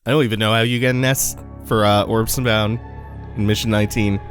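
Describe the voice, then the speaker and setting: A man's voice: lowish voice, fairly even intonation, brisk, soft background music. A man giving casual, laid-back gameplay commentary, explaining things as he plays. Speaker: let's play commentator.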